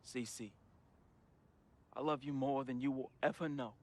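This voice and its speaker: Over music, a man performs an emotional, confessional voice-over monologue as a grieving, troubled young American reading a goodbye letter to his friend. His medium-pitched, darkish voice stays steady, unhurried and natural, with a slangy, heartfelt urban American delivery that feels wistful and fond.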